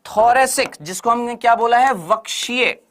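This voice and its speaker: A male teacher gives an online exam-prep lecture. He repeats each question and answer in call-and-response drills and talks in a brisk, teasing way, pushing students to answer fast. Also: high voice, animated, fairly bright tone.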